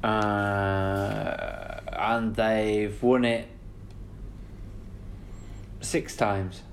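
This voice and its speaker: A man with a Northern English accent answers football quiz questions on a casual podcast. His voice bounces around with a lively, wide pitch, and he swears and jokes as he plays. A faint hiss sits behind him. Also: very slow, vocal fry. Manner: excitable, swearing, playful. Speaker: podcast co-host playing the quiz. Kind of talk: casual pub quiz banter.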